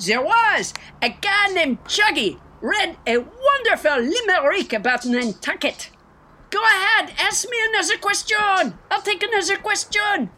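A woman's voice: extremely high pitch, animated, measured pace, pushed and bright, full character voice. A woman playing a pompous, self-important male president in a French Trump parody at a satirical press conference, making grand declarations with mock-French words. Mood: pompous, eager.

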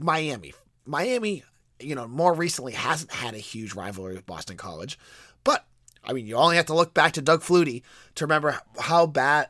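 A man with a stuffy, cold-congested voice that squeaks a little, hosting a solo sports podcast in a conversational, opinionated way. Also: fairly bright tone, no echo, studio quality.

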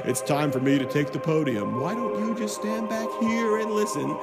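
A man's voice: high-pitched, moderate pace. A man playing a gleefully macabre horror radio host, in the theatrical, ghoulish manner of a vintage horror narrator. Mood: sly. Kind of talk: scripted vintage-style horror radio monologue. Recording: loud music under the voice. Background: loud music.

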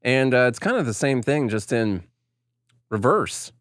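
A man's voice: mid-range voice, expressive, moderate pace, dry recording, clean studio sound. A man co-hosting a talk show, giving casual, blunt commentary and acting out quoted dialogue. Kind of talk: casual opinionated commentary on video clips.

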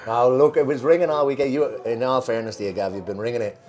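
A man's voice: mid-range voice, steady tone, fast, darkish tone. An Irish man co-hosting a football show in casual chat, colloquial and wry. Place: pub in Liverpool. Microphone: worn mic.

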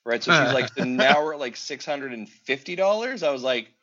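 Animated storytelling man, bright voice. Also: mid-range voice, brisk. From Canada. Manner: animated storyteller, acts out dialogue. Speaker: podcast co-host. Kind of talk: casual podcast chat. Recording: dull lo-fi audio.

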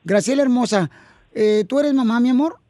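A man hosting a call-in radio show, warm toward callers and addressing them with endearments. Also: very high-pitched, normal speed, no echo, clean studio sound. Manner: affectionate, calls people "mi amor".

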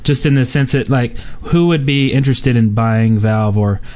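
On a casual gaming podcast, a male host rambles loosely, full of fillers and restarts. His voice is medium-pitched and darkish, at a moderate pace.

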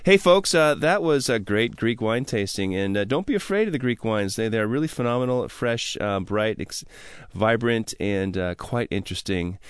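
A man's voice: lowish voice, animated, normal speed, clear, resonant tone, dry recording, clean studio sound. An older man hosting a radio talk show, chatty and laughing often, with many ums and uhs. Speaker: radio show host and sommelier. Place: radio studio.

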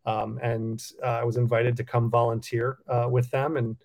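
A man from Cameroon speaks in a steady, flat tone as a podcast guest. He thinks as he goes, with frequent ums and false starts. His voice sits at a middle pitch. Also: moderate pace. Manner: reflective, many ums and restarts. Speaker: nonprofit CEO, podcast guest. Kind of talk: casual interview answers.

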